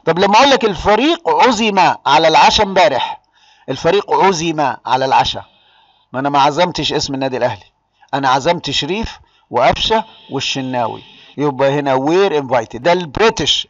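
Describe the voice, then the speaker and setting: A man with an Egyptian Arabic accent teaching an online English exam-prep lesson, lively and calling on students by name. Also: a little high, quick pace, no room sound, highs cut off.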